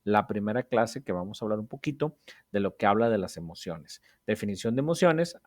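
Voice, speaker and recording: A man's voice: lowish voice, lively intonation, a little fast, dry recording, studio quality. A man giving a lecture. He reads passages from his notes aloud, explains them in his own words, restarts phrases often and keeps checking that the class follows. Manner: frequent restarts and tag questions checking understanding. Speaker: teacher.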